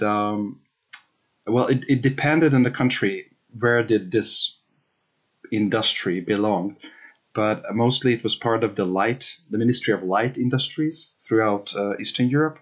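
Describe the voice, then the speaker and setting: A man's voice: lowish voice, measured pace. A man from Hungary in his thirties, a researcher answering interview questions thoughtfully, with many fillers and restarts.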